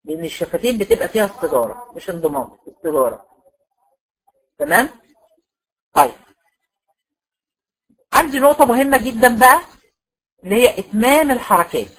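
A woman with an Egyptian accent teaching Quran recitation rules in an online lecture, explaining step by step, asking her students questions and drawing out example words slowly. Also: medium pitch, animated, a bit bright, low-quality recording. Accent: Egyptian Arabic.

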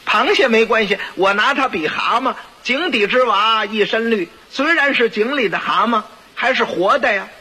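A man's voice: sits high, normal speed, few pauses, bright, forceful tone, slightly rough, full character voice. A man voicing a pompous, touchy old chancellor who scolds his servant indignantly in a comic story.

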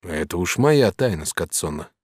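A man voicing a proud, sly and hot-tempered master artist in an audiobook, speaking firmly and with measured command. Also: low-pitched, very animated, a little mellow, slightly rough, no echo, clean studio sound, exaggerated voice. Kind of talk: audiobook character reading.

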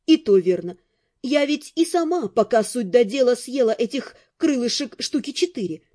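High-voiced woman reading an audiobook. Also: animated, moderate pace, mellow. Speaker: audiobook narrator. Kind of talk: scripted first-person narration.

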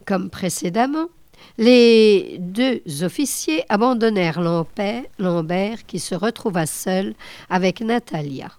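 A woman reading a novel aloud in a measured, unhurried way. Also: mid-range voice, lively intonation, a little mellow, no room sound. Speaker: reader.

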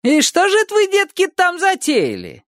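A man voicing a shrill, spiteful elderly woman neighbor who scolds and gloats in a squealing voice. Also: huge pitch swings, normal speed, a bit bright, dry recording, studio quality, heavily acted. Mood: mocking. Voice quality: shrill, shrieking.

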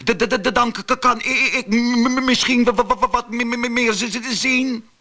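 A man's voice: extremely high pitch, fairly even intonation, normal speed, pushed and bright, voice pushed up, exaggerated voice. A man voicing a shy young male toy jester who stutters heavily in a storybook reading. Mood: anxious. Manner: heavy stutter, repeats sounds.

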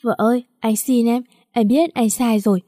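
A woman's voice: a little high, fairly even intonation, moderate pace, warm tone, no room sound, studio quality, close to an everyday voice. A woman reading the lines of a young husband who begs his wife for forgiveness. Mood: pleading. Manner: pleading, apologetic. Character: young husband, guilty and pleading.

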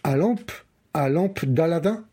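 A man's voice: fairly high pitch, lively intonation, slow, dark tone, husky, heavily acted. A man reading a storybook character who is boastful and teasing, acting as if he is the boss. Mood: cheeky. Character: Picaouette, cheeky bossy storybook character.

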